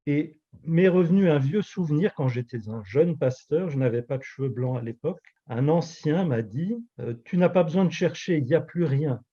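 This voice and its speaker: A pastor and author in his fifties from Alsace, France, whose first language is Alsatian, answers interview questions in a measured, reflective way with frequent hesitations. His voice is fairly high and expressive, though the recording is muffled.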